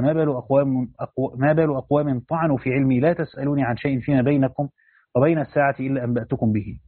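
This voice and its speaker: A man's voice: mid-range voice, dry recording, phone-quality sound. A man with an Egyptian accent reading a classical religious commentary aloud and breaking into colloquial asides to explain it. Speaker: teacher reading a Quran commentary.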